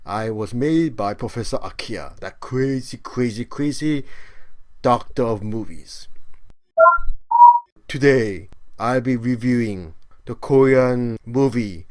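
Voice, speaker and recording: A man voicing a robot movie-review host, with a robot voice and slow, measured announcer-like delivery. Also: medium pitch, darkish tone. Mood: stiff. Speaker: show host persona.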